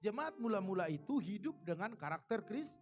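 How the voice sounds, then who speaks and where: High-pitched guy preaching at church, jokey, acts out little bits, some faint music behind. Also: fairly quick. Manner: lively, joking, acts out little scenes. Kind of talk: sermon. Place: church service.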